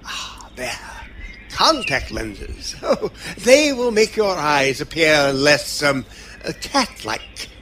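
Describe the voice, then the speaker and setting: An actor in an audio drama playing an eccentric, kindly, cheerful old time-travelling doctor who dithers through ums and broken phrases. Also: male voice, fairly high pitch, sing-song, takes it slowly, noisy background. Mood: fussy, gentle.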